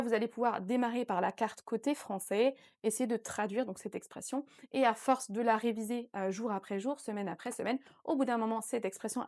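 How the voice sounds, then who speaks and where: A woman teaching English in an online video lesson, speaking clearly and encouraging viewers directly. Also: fairly high pitch, darkish tone.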